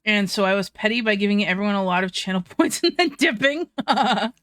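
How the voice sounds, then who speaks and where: A woman's voice: medium pitch, a little fast, a bit bright, no room sound, studio quality. A young woman streaming, chatting casually with viewers while eating, laughing often and swearing freely.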